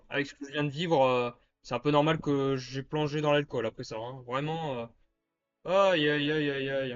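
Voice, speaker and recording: A man giving casual, self-mocking commentary over his gameplay and chatting with his viewers. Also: a little high. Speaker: gaming YouTuber. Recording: dull lo-fi sound with faint background noise.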